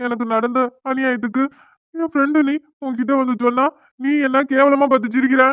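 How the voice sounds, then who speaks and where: A woman's voice: sits high, steady tone, a little fast, no echo, close to an everyday voice. Whiny young cartoon guy, a woman doing him, thin phone-like sound, dry room. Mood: upset. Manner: complaining, self-pitying, pleading. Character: young man, newly and unwillingly married, whiny. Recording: dry, tinny phone-like audio.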